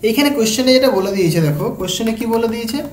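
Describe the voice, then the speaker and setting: A woman with a Bengali accent giving an exam-prep physics lecture, breaking each step down slowly and checking in with her students as she goes. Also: on the high side, lively intonation, darkish tone. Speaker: physics tutor. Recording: echoey room, faint background hum.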